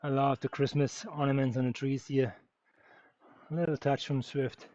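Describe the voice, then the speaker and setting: A man's voice: medium pitch, level tone, normal speed, a little mellow, dry recording. A man from Germany, chatting casually on a live stream while riding and answering viewers' questions with many fillers. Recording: dull lo-fi stream audio.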